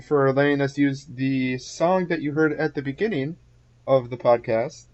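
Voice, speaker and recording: A man's voice: mid-range voice, normal speed, darkish tone, highs cut off. A young man co-hosting a podcast in casual, joking chat, often laughing and using fillers. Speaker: podcast co-host.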